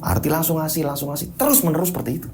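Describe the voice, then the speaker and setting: A man's voice: a little high, lively intonation, rapid-fire. A man hosting, telling a true-life story in a chatty, casual way with frequent tag questions. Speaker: storyteller host. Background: background music.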